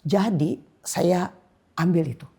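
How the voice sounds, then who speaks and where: An older woman from Indonesia, a guest pastor, telling an emotional personal testimony, dropping to soft whispers and rising to loud outbursts. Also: fairly low pitch, slow, vocal fry, husky. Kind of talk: personal testimony in a church podcast.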